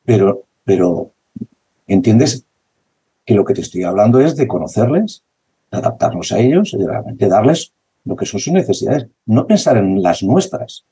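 Basketball coach guy, really animated pitch, dark husky voice. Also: moderate pace. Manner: passionate, repetitive, acts out dialogue. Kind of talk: conversational interview.

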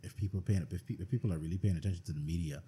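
A man's voice: deep voice, very fast, mellow, slight background noise. A Bahamian man, a podcast guest, talking bluntly and earnestly in a casual discussion, often repeating himself.

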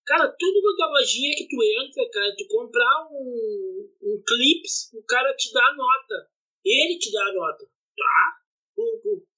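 A podcast co-host telling travel stories in a casual, animated and indignant way, swearing along the way. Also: medium pitch, measured pace, poor audio. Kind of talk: casual storytelling chat.

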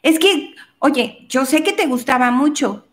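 A calm, indifferent man, voiced by a woman telling a story answers politely and matter-of-factly. The voice stays high. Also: unhurried.

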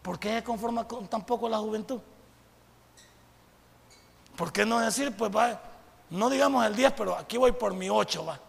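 Un pastor con acento centroamericano, de voz sorprendentemente aguda para un hombre y muy áspera y granulosa, predica con mucha animación. Lanza preguntas retóricas y representa diálogos. Su voz resuena con una reverberación larga, como en un salón grande. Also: male voice, sits high, normal speed, creaky, long pauses. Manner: animated preaching, rhetorical questions, acts out dialogues. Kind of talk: sermon.

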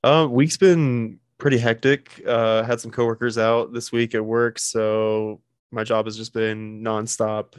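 A man in his twenties chatting casually with friends, easygoing and profane, often pausing on "uh.". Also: mid-range voice, little pitch movement, smooth, no room sound, studio quality. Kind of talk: casual chat.

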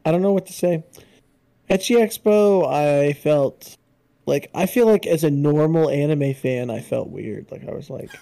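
Male co-host, gravelly and warm, teasing banter. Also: a little high, unhurried. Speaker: podcast co-host. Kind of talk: casual podcast chat.

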